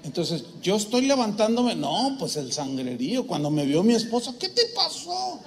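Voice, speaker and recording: A man with a Mexican accent, a pastor preaching a sermon in church, telling a personal story in an animated way with humorous asides. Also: sits high, normal speed.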